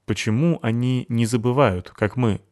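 A man reading an audiobook voices a sharp-tongued young woman fighter who mocks and taunts. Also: mid-range voice, lightly acted. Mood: calm. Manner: mocking, quick. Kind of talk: audiobook character voicing.

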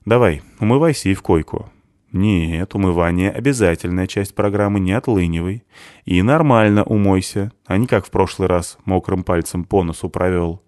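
A gruff ex-soldier, read by a man in a low register, talking to a boy with dry mockery and rough words. The sound is close and dry, with no room around it. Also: normal speed, darkish tone, no echo, natural voice. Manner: dry, mocking, rough-spoken. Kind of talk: audiobook character reading.

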